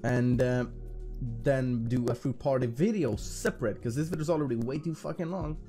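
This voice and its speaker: A man's voice: medium pitch, moderate pace, dark tone. A man giving casual gambling commentary to his viewers as a slots streamer, in profane, slangy bro talk. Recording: music behind the voice.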